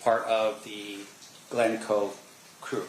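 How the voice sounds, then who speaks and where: A man doing a courtroom cross examination as an attorney, asking probing, leading questions with halting pauses. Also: fairly low pitch, level tone. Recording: roomy echo, faint background noise.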